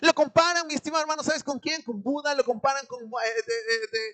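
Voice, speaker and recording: A Peruvian-accented preacher delivers a sermon in a high voice. The delivery lurches between loud, emphatic bursts and quiet, drawn-out asides. Rhetorical questions and repeated appeals to the listener keep coming. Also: steady tone. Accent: Peruvian Spanish. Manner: keeps calling out "my dear brother" and asks the congregation rhetorical questions; dramatic swings between loud and hushed.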